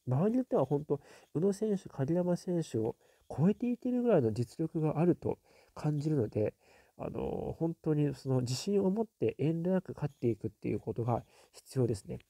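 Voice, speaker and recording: Guy on a chill livestream reading out comments, deep mellow tone, super dry mic. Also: sing-song, moderate pace, no echo. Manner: reads viewer comments aloud, then muses with soft "un" fillers. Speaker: host reading viewer comments. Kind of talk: casual live-stream chat.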